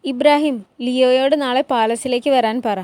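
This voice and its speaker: Woman voicing a male sultan, regal, calm, measured authority, fairly high voice, dry close sound. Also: no echo, close to an everyday voice.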